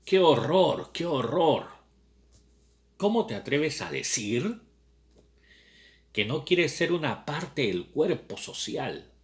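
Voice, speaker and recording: A man's voice: a little high, big pitch swings, takes it slowly, pitched above the performer's own voice. A man reading aloud, voicing a shocked, tearful young woman with raised, pleading exclamations. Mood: scandalized.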